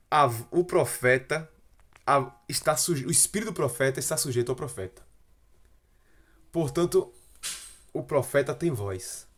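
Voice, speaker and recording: A man giving a devotional Bible lesson, swinging between hushed, slow stretches and loud, emphatic ones. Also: mid-range voice. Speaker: Bible teacher. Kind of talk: devotional teaching.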